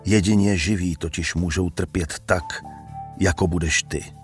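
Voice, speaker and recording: A man voicing a cruel, mocking female Death in an audiobook, speaking in a cold, taunting, hushed way. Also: low voice, steady tone, soft background music, lightly acted. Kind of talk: audiobook character voice.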